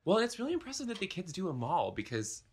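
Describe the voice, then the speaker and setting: Lively, playful man. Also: sits high, quick pace, husky. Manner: playful, quippy, asks the questions. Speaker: podcast co-host. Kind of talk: casual podcast chat.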